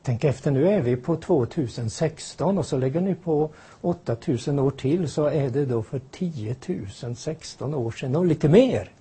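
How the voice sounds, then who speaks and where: Older male preacher, husky and mellow. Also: on the high side. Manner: animated, rhetorical questions, folksy asides. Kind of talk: sermon.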